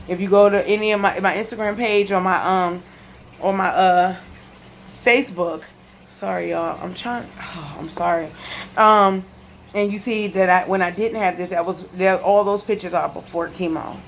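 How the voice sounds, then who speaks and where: A lowish-voiced woman with a lisp talks to her viewers at home in the living room, giving a casual, emphatic health testimony on camera and repeating key points. A little hiss or hum can be heard.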